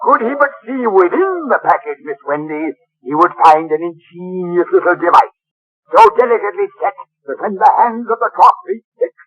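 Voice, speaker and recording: An actor playing a villainous pirate captain in a radio drama, pompous and mock-courteous, gloating theatrically. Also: male voice, sits high, animated, normal speed, slightly rough, no room sound, lo-fi sound. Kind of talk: 1930s-style radio drama acting.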